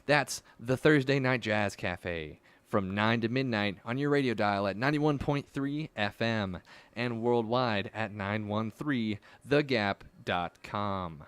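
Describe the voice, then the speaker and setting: A man's voice: on the low side, slow, fairly bright tone, smooth, no echo. A man reading a scripted radio promo for a jazz program in a polished way.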